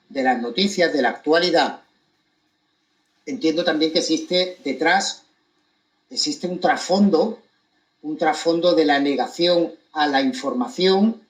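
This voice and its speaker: Higher-pitched man from Spain speaking emphatically. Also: poor audio. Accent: Spanish from Spain. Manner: deliberate, emphatic, with pointed pauses. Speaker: commentator giving his account of a court case. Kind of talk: spoken monologue to an audience.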